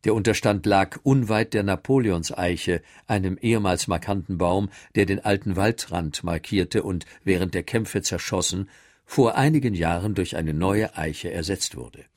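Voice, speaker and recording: A man giving clear, informative scripted narration as an audio tour guide. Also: low-pitched, moderate pace, darkish tone, no room sound, clean studio sound.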